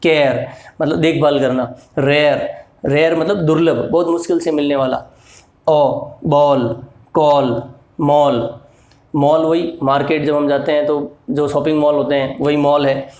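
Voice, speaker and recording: Slow, patient man teaching in an echoey room. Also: a little high, fairly even intonation, darkish tone. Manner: repeats words and examples patiently. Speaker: English teacher. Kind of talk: slow explanatory lesson.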